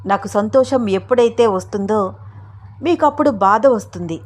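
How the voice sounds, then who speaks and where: A woman's voice: mid-range voice, normal speed, darkish tone, natural voice. A woman voicing a stern, grieving older mother in a storybook reading, speaking firmly and with command. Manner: firm, commanding.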